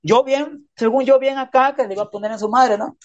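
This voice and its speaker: A man's voice: extremely high pitch, a little fast, highs cut off. A man telling a story in a casual interview, full of slang and sound effects. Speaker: podcast guest, prisoner.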